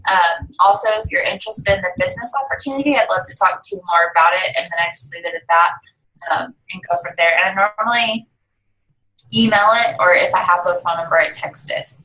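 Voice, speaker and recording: A woman's voice: on the low side, fairly quick, pushed and bright, soft background music, low-quality recording. A young woman on a video call, chatting in an upbeat way as she explains how she follows up with customers for her sales team. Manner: chatty and upbeat, walks through her routine step by step. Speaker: network marketing distributor and team leader. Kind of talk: casual video call interview.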